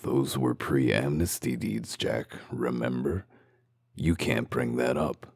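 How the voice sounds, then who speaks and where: A man playing a gruff, world-weary wolf detective in a comic dub, with gravelly voice and dry, sardonic, interrogating delivery. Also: extremely low pitch, slow, a little mellow, no echo, exaggerated voice. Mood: sardonic, stern.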